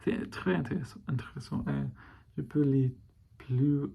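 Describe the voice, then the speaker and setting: A man with an English accent speaking halting French as a learner in a casual video diary, often stopping to search for words. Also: mid-range voice, creaky, mellow, slightly rough.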